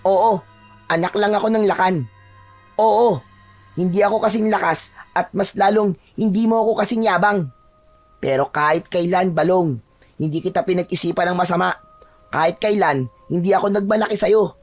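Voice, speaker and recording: A man's voice: high voice, moderate pace, faint music behind, pitched above the performer's own voice. A man voicing a young chieftain's son who speaks in a reproachful, wounded way, in a storybook tale. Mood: resentful.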